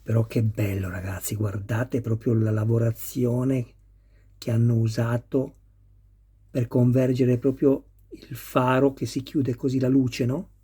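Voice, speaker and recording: Husky Italian-speaking man building a model. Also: mid-range voice, level tone, measured pace, dark tone. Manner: patient, talks viewers through each step. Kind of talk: hands-on assembly tutorial.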